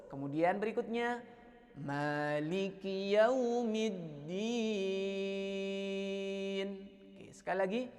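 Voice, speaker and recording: A woman teaching Quran recitation melody, giving patient explanations between slow, drawn-out chanted demonstrations and encouraging her listeners. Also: lowish voice, darkish tone, long reverb tail. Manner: encouraging, addresses listeners as friends. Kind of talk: teaching tartil recitation melody, call and response.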